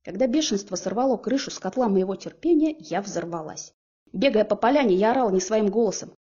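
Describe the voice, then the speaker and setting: Woman, audiobook narrator, first-person storytelling, lively, husky voice, lo-fi recording. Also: mid-range voice, a little fast.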